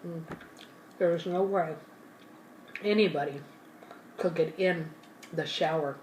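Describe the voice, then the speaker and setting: A woman's voice: fairly low pitch, slow pace, background noise. Woman, casual rambling storyteller, eats between sentences, talks with mouth full, distant mic, roomy echo. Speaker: ASMR channel host. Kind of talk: casual storytelling while eating. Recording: roomy and from the mic, faint ambience.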